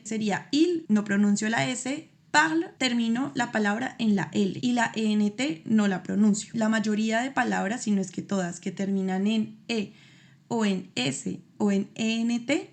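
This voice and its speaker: A woman whose first language is Spanish gives a casual spoken lesson on pronunciation, patiently explaining step by step and demonstrating each sound slowly. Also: a little high. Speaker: amateur French teacher.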